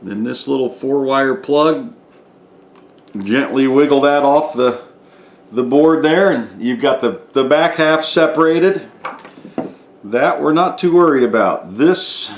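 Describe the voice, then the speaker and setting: A DIY repair presenter with a medium-pitched, expressive voice narrates a hands-on repair demonstration step by step. He speaks slowly and methodically without a script, pausing often. The room sounds echoey.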